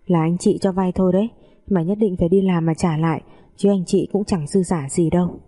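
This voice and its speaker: Storybook husband, exasperated and reproachful, low mellow tone, read by a woman narrator. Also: fairly even intonation, a little fast, lightly acted. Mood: firm. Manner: sharp, reproachful. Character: exasperated adult son confronting his mother.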